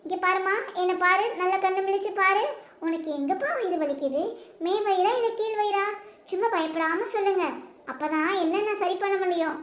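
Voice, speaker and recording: A performer voicing a stern hospital nurse in a doll show, speaking quietly, briskly and firmly. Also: very high voice, roomy sound. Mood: soothing. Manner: brisk, hushed and firm.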